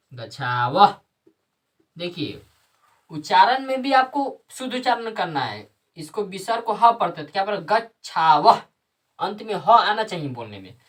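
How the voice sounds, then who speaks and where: Her voice lowish and a bit bright, a woman teacher explains a classroom lesson in careful steps, repeating each one. She answers the questions she herself poses. The recording picks her up from a distance.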